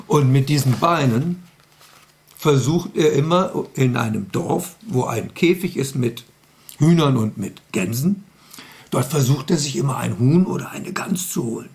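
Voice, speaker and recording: Slow, gravelly storyteller man. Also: mid-range voice, animated, a little mellow. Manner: playful, chatty, asks the kids questions. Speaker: children's storyteller. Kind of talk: storytelling to children.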